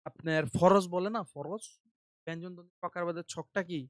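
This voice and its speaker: A man's voice: high-pitched, fairly even intonation, moderate pace, no room sound, studio quality. A man tutoring an online grammar class. He quizzes listeners, answers his own questions, and drills terms and letters one by one. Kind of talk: online admission-prep class.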